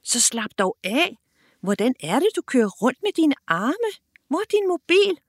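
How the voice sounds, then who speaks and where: A woman's voice: high-pitched, lively intonation, dry recording, studio quality, pitched above the performer's own voice. A woman voicing a bossy older sister who scolds her brother in a children's audiobook. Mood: exasperated. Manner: scolding, exasperated.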